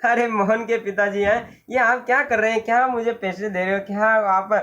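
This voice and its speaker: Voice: medium pitch, fairly even intonation, normal speed, a bit bright, lightly acted. A teacher voicing a sly, fawning village healer. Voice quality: sly and ingratiating. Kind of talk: reading a school play aloud. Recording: lo-fi dull recording.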